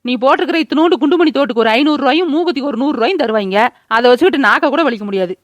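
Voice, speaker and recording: Woman, cheeky teasing cartoon voice, talks fast. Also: high-pitched, expressive, no echo. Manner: brash, teasing, reassuring banter. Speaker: cartoon voice-over.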